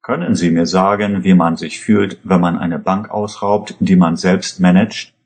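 A man voicing a calm, wry male investigator who speaks with dry irony. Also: low voice, measured pace.

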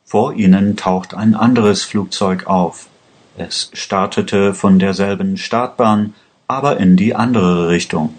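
A man narrating a language-learning story in a slow, careful, even reading. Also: fairly low pitch.

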